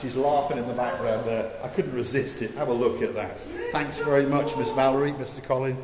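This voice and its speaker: A man's voice: medium pitch, steady tone, a little fast, a crowd in the background. Older male vlogger, walk-and-talk hotel tour, gushing, repeats his praise, recorded on a handheld camera. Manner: enthusiastic, repeats praise words. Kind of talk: casual walk-around commentary. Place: outdoors and indoors in a hotel, walking.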